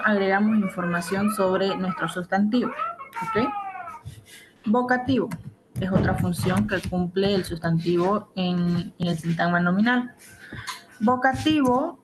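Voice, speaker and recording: A woman's voice: mid-range voice, a little hiss or hum, low-quality recording. A woman teaching assistant giving an online grammar lesson, explaining step by step and checking in with her students.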